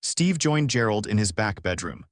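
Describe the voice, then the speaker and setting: Male author-narrator, mid-pitched, dry close sound, steady storybook read. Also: moderate pace, no echo. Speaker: author reading his story.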